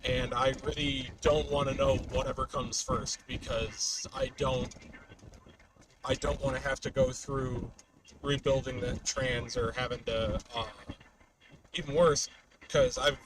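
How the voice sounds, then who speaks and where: A man's voice: medium pitch, little pitch movement, a little slow. Storm chaser man rambling over car noise. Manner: rambling, trailing off mid-thought. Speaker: storm chaser live streamer. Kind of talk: casual unscripted livestream chat while driving. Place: inside a moving car. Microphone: webcam microphone in car. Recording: noisy car, distant webcam mic.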